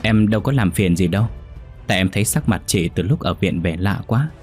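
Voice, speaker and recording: A man voicing a gentle, polite young woman who speaks deferentially. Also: low voice, lively intonation, a little fast, faint music behind.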